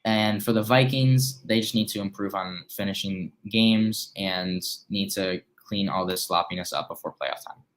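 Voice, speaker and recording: A man's voice: fairly low pitch, normal speed, hardly any pauses. A teenage boy as a recurring guest, analysing a football game with some hesitant fillers. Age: teens. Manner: hesitant, fillers while recalling. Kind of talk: casual sports analysis.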